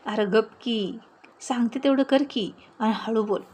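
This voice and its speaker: A woman's voice: a little high, measured pace, a little mellow. A woman doing bossy rustic village girl. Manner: brash and scolding, rough village speech. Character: bold rustic young village woman, bossy and quick-witted.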